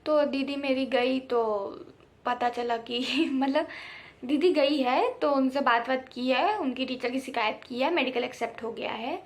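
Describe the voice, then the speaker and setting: A young woman vlogger telling a casual storytime, animated, acting out the people she quotes and laughing at her own story. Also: high voice, measured pace. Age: young adult.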